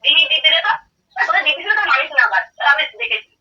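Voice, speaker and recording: The prank call recipient is a young woman whose voice sits high, sounding bright, forceful and expressive at a quick pace. Heard through a dull, distant phone line, she chats informally but insistently, asking questions and frequently repeating herself.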